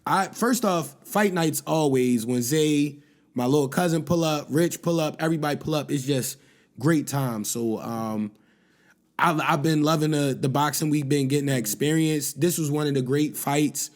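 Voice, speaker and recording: Guy on a podcast hyping a boxing fight, loose slang, um's everywhere, a bit high pitched. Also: normal speed. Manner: loose, slangy, filler-heavy. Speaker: podcast co-host. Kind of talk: casual sports chat.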